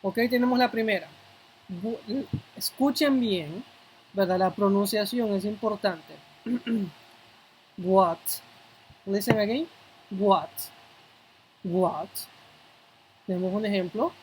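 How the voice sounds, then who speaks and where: A woman as an English teacher, explaining grammar step by step and repeating example words slowly for pronunciation. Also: medium pitch, a little mellow, a little hiss or hum, poor audio. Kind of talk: classroom-style language lesson.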